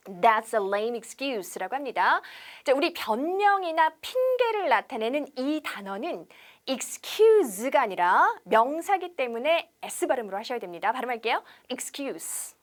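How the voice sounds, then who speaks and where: Woman english teacher on tv, high voice, drills phrases slow and clear. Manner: slow, carefully drilled English example sentences; lively instructor patter with rhetorical questions. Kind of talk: TV English lesson, explaining in Korean.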